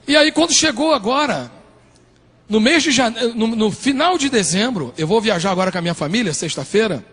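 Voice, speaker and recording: A man's voice: high voice, a little fast, slightly rough. A man with a Brazilian accent preaching a sermon as pastor, telling stories with humor and acting out voices. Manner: animated, humorous storytelling that acts out voices. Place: church sanctuary, indoors. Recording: reverberant church hall, faint music.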